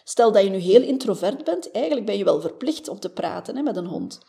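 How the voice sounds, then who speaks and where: Warm Flemish woman, chatty storytelling. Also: mid-range voice, big pitch swings, a little fast, creaky. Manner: chatty storytelling, tags sentences with a questioning "hè". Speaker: podcast host, former family doctor. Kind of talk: motivational podcast monologue.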